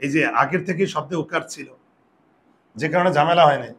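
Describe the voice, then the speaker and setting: A man's voice: on the high side, fairly quick, a bit bright. A man, a grammar teacher, explains pronunciation rules to his class and keeps asking them questions.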